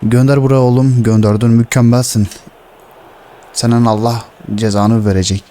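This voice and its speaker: Young man yelling at a football game. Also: mid-range voice, little pitch movement, moderate pace. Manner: swears, shouts at players. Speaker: gaming streamer. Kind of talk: excited football game commentary.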